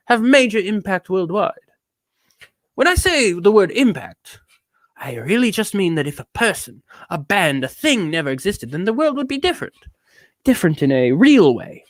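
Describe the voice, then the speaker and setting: A drunk man putting on an affected fake British accent to read aloud in a slow, grand, pompous way. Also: on the high side, sing-song, no echo.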